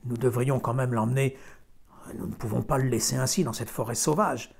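A man voicing an anguished young farm wife in a storybook reading, pitched up and pleading. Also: steady tone, fairly quick, vocal fry, slightly rough.

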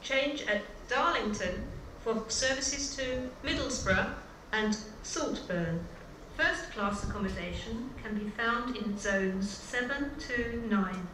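Woman doing train station announcements over the tannoy, echoey and distant w station noise, formal, bit high pitched. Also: slow pace. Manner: formal, segmented announcement delivery. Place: train station, over public address speakers.

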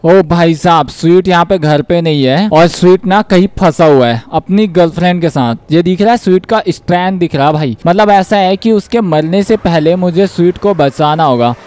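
A young man giving excited commentary over gameplay, shouting at the game and talking to viewers. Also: high-pitched, normal speed, few pauses, no echo. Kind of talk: excited Let's Play commentary.

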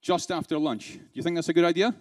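A man's voice: on the high side, quick pace, a little mellow. Playful man quizzing a conference audience. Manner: interactive, quizzes the audience with rhetorical questions; laughs between points, playful. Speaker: keynote speaker. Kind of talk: conference keynote speech. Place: conference hall with a live audience.

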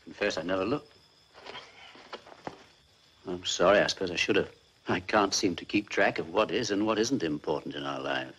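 An actor playing a weary, apologetic prisoner who speaks quietly in a film. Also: male voice, deep voice, moderate pace, pauses often, breathy edge, rough recording.

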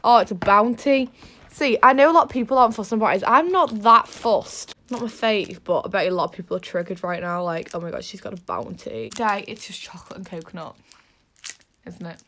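A woman's voice: mid-range voice, fairly quick, fairly bright tone. A young woman talking casually to camera in a rambling, self-deprecating vlog about her day. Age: young adult. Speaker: vlogger. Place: at home, then outdoors.

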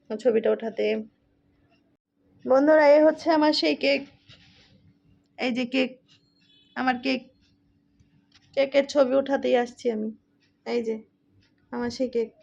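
A woman with a high voice chats casually to viewers in a home vlog. She coos and scolds in a sing-song baby-talk tone. The recording sounds dull and lo-fi. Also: fairly even intonation, unhurried, creaky, pauses often, darkish tone. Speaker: vlogger.

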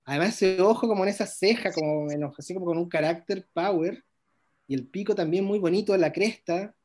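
A man's voice: sits high, brisk. Enthusiastic man teaching online. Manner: warm, enthusiastic praise with many restarts. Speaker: illustration workshop teacher. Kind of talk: online workshop, reviewing students' drawings.

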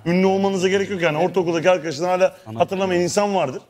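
A man's voice: high-pitched, steady tone, racing, a little mellow. A man chatting on a talk show, animatedly telling stories and acting out the messages he gets. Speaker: comedian guest. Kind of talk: casual talk-show chat.

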